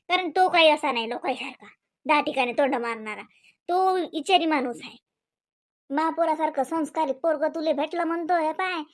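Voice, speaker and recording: A woman's voice: high voice, no room sound, clean studio sound, close to an everyday voice. A woman voicing a nagging middle-aged mother-in-law in a cartoon, with a Varhadi Marathi accent and a habit of tagging on questions. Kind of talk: cartoon voice acting.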